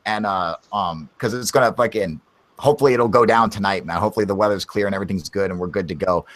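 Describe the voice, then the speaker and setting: A man's voice: fairly low pitch, fast, fairly bright tone. A man hosting a livestream in casual, profane chat, laid-back and calling everyone dude. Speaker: livestream host.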